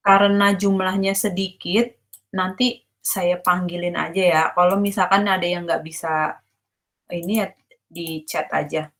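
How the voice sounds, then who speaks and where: A woman's voice: on the low side, fairly even intonation, a little slow, a bit bright. Woman lecturing casually in an online class. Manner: explains casually, checks if students understand; mixes English terms into her speech. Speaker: university lecturer.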